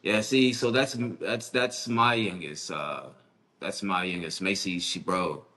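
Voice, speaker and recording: A man's voice: deep voice, a little slow, sharp tone. A man hosting a podcast interview in a casual, slangy way, often repeating words and restarting his sentences. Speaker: podcast host.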